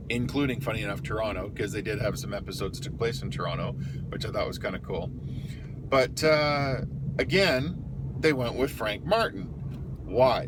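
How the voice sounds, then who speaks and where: An older man giving a casual, opinionated rant in a grumpy, blunt, exasperated way. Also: mid-range voice. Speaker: vlogger. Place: inside a car. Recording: noisy car interior with vehicle noise.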